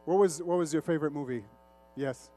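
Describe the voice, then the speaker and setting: A middle-aged Lebanese man who grew up in Saudi Arabia speaks Arabic in a fairly high, brisk, warm voice over slight background noise. He's a media executive and conference speaker giving an informal, interactive stage talk, moving freely between Arabic and English.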